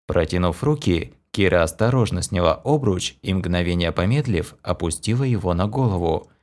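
A man's voice: sits low, animated, normal speed, darkish tone. A man narrating a first-person fantasy audiobook with an intense, dramatic reading.

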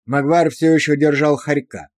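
A man narrating an audiobook in steady, measured scripted storytelling. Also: a little high, dry recording, studio quality.

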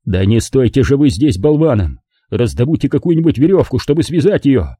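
A man's voice: medium pitch, very animated, normal speed, slightly rough, no room sound, studio quality. A man voicing a stern detective with a firm, clipped manner in an audiobook. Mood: commanding. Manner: firm and clipped, softening when gentle. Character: stern male detective, commanding but tender. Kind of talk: audiobook character voice.

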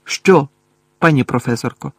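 A man's voice: mid-range voice, moderate pace, slightly rough, no room sound. Man doing a curt defiant teenage boy. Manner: short curt replies.

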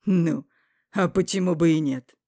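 A woman voicing a scheming, mocking young man in an audiobook, speaking loudly and evasively. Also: fairly low pitch, a little slow, no room sound, clean studio sound. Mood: defiant. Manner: loud, evasive, sneering. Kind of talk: audiobook character reading.

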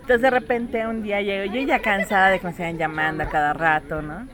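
A woman's voice: mid-range voice, steady tone, fairly quick, a crowd in the background. A woman telling a family story in casual chat, acting out the voices of her child and others.

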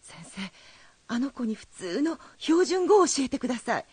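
A woman voicing a fretful, formal mother in a drama, polite on the surface and pressing underneath. Her voice is slightly high and a little breathy, and the sound is dry and close. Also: a little fast, no echo. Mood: insistent. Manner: polite, formal speech turning insistent. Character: anxious, proper mother fretting over her son. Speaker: worried mother.

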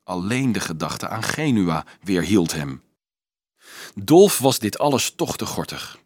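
A man reading a children's novel aloud in a lively, expressive storytelling manner. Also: on the low side, measured pace, dry recording, studio quality. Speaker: audiobook reader.

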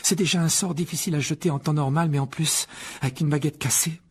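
Storybook bright schoolgirl, high and earnest, read by a man. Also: sing-song, fast talker, full character voice. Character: earnest, studious schoolgirl, know-it-all.

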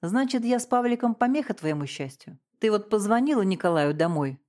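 A woman reading a story, voicing a cold, sarcastic wife who speaks in a slow, condescending drawl. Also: mid-range voice, expressive, a little mellow, lightly acted.

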